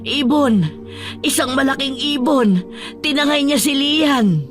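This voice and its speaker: Casting: man playing a panicked, tearful old grandmother in a radio horror story, high and stammering, soft music behind. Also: measured pace. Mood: pleading. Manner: panicked, stammering, crying pleas. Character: frantic elderly grandmother, tearful and pleading.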